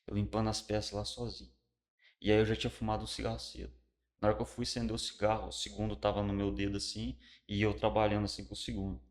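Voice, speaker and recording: Low-voiced Brazilian pastor telling his story. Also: fast. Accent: Brazilian Portuguese. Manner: colloquial, animated storytelling, drops to a hush for solemn parts. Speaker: pastor, guest. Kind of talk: personal testimony in casual conversation.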